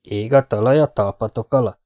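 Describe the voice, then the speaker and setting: A man doing a gruff scruffy smuggler. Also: medium pitch, dull audio, natural voice. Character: scruffy male drug smuggler, gruff and wary.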